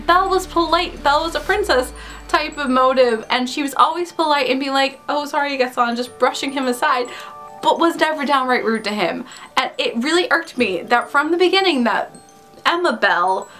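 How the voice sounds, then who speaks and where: A woman's voice: high-pitched, a bit bright. A woman chatting casually and eagerly through a film review, gushing and giggling as she gives her opinions. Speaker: YouTuber reviewing films.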